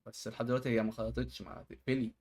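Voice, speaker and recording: A man's voice: mid-range voice, flat delivery, very fast, darkish tone. A man from Egypt with an Egyptian accent, reacting to home-hack videos in casual commentary and often exclaiming at the tricks. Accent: Egyptian Arabic.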